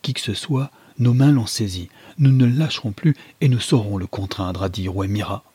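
A man reading a novel aloud as a dramatic first-person narration, measured and gripping. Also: on the low side, dark tone, slightly rough, no echo. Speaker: audiobook reader.

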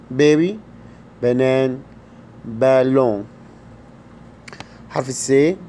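A man teaching pronunciation, saying each word slowly and clearly and repeating it, with quick quiet asides between words. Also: medium pitch, a little hiss or hum. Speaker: language teacher. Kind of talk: slow pronunciation drill.

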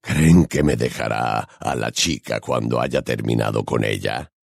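A man voicing a menacing werewolf in an audiobook, with a low, syrupy, gloating delivery. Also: measured pace, gravelly, dry recording, studio quality, full character voice.

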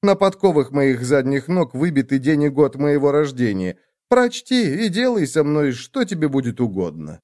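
A man's voice: a little high, very animated, normal speed, hardly any pauses, a little mellow, voice pushed up. A man voicing a clever female horse who begs politely, read as a storybook tale. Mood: pleading. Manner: imploring, sly politeness.

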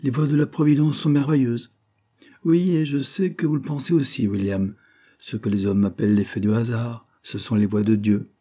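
A man voicing an older, pious, warm-hearted male manufacturer who speaks fervently and moralizes. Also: mid-range voice, fairly even intonation, normal speed, close to an everyday voice.

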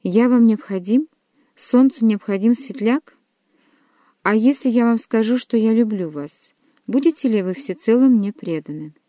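A woman's voice: on the high side, moderate pace, warm tone, no room sound, clean studio sound, pitched above the performer's own voice, lightly acted. A woman voicing an ardent, jealous young male nobleman who pleads his love. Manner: pleading, impassioned.

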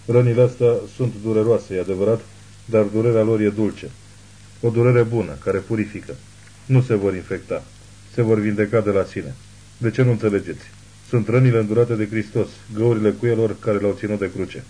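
A man voicing a zealous old woman who calls herself a prophet, speaking in a hushed but imperious way. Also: fairly low pitch, fairly even intonation, lightly acted, rough recording. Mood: fervent preaching.

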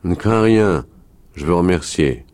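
A man voicing a gruff, uncanny wolf leader who speaks in rough rural dialect, in a read-aloud story. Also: deep voice, lively intonation, unhurried, a little mellow, voice pushed up. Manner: rough peasant dialect, raised voice.

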